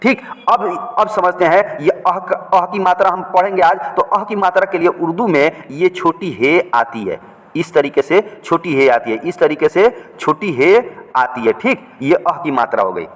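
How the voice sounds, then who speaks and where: Male teacher, slightly high voice, patient and repetitive, reverberant room. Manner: patient, repeats each point slowly. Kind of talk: explaining letters at a board.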